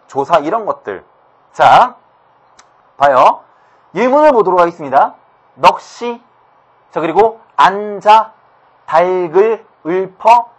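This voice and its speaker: Male lecturer with a high voice, brisk, keeps quizzing the class with rhetorical questions. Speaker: teacher. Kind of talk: online grammar lecture.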